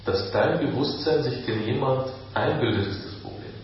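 A man, a spiritual teacher giving a calm, reflective satsang talk with slow pauses. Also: medium pitch, slight background noise. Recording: echoey room from far off, dull.

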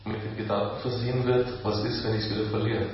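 A man, a spiritual teacher giving a calm, reflective satsang talk with slow pauses. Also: on the low side, a little hiss or hum. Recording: echoey room from far off, dull.

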